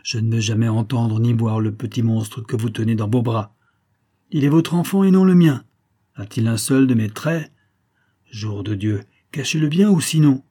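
A man reading an audiobook, voicing a brutal, raging middle-aged nobleman count who blusters loudly. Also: medium pitch, moderate pace, breathy edge, close to an everyday voice. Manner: loud and blustering.

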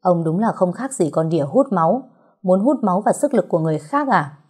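A woman's voice: lowish voice, expressive, a little fast, breathy edge. A woman voicing a desperate young woman who snaps back sharply and cries easily, in a storybook reading. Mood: angry. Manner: sharp-tongued, tearful. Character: desperate young woman, fierce then tearful.

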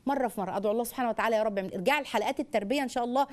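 A woman with an Egyptian accent hosting a call-in parenting show, animated and sing-song as she models phrases for children. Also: on the high side, very fast. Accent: Egyptian Arabic. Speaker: parenting educator and radio show host. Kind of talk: call-in advice talk.

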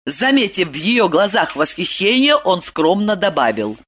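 A woman narrating a novel as an audiobook, in an expressive storytelling manner. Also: lowish voice, moderate pace.

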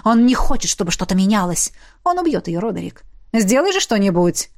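A woman reading an audiobook, voicing a sly, spiteful male creature of chaos who taunts in a low whisper. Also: big pitch swings, fairly quick. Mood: urging.

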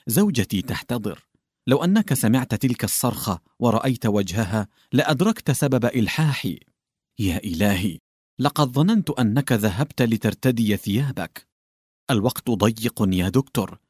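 A man reading as a desperate husband begging for help, his voice urgent and imploring, trembling with emotion. The sound is dry and close, with a mid-range pitch. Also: a little mellow, no echo, lightly acted.

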